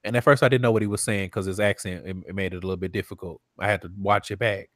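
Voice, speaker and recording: A man co-hosting a podcast, casually recapping reality TV with animated storytelling and mocking quoted voices. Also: deep voice, very fast, dry recording, studio quality. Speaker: podcast co-host.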